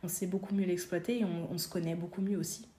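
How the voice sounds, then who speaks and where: A woman's voice: fairly low pitch, flat delivery, quick pace, mellow. Chatty woman guest in a roomy space. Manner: hesitant, many fillers and restarts. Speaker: guest, seamstress and designer. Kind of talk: casual interview chat.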